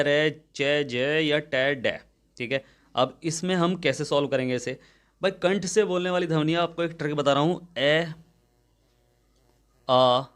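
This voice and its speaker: A young man teaching a Hindi grammar exam-prep lesson, talking students through each question step by step and often checking that they follow. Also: a little high.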